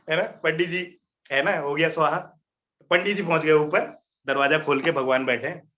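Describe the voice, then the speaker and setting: A man giving a business presentation, telling an animated story and often asking "right?". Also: on the high side, normal speed, muffled recording. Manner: animated, chatty, tags lines with "right?" and "isn't it?"; laughs at his own story.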